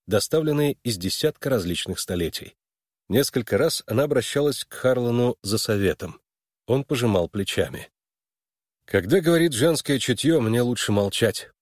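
Expressive male audiobook narrator. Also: lowish voice, dry recording, clean studio sound. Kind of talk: scripted narration.

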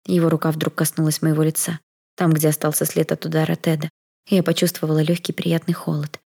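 Low-voiced woman narrating an audiobook. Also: level tone, a little fast, vocal fry, mellow, slightly rough. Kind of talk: first-person audiobook narration.

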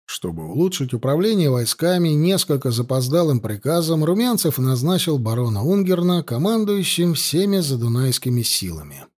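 A man narrates an audiobook in a dramatic, scripted read. His voice sits fairly high for a man, and he slows down to lean on the key moments. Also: big pitch swings, a little mellow.

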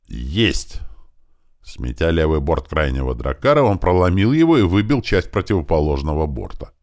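A man with a very deep, low voice reads an audiobook. His delivery is lively, and his pitch rises and falls a lot as he moves through the story. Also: fairly quick. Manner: lively, shouting out the characters' battle commands. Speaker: audiobook narrator. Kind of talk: audiobook narration.

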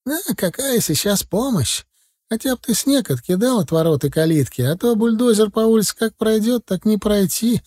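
A man reading a story, voicing a bustling, proud old village woman who talks briskly and plainly. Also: sits high, lively intonation, a little mellow, voice pushed up.

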